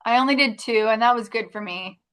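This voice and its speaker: A woman's voice: on the high side, brisk, a bit bright, smooth. A woman, an actress, talking about her work in a casual interview, in a chatty way with many restarts. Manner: chatty, frequent restarts and fillers like "like".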